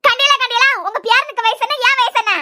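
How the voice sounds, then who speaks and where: Cartoon grandmother, fierce and scolding, fast-talking, Kanyakumari Tamil accent, voiced by a woman. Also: extremely high pitch, steady tone, no room sound, clean studio sound, exaggerated voice. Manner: sharp, scolding, quick-fire. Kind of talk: cartoon web series voice acting.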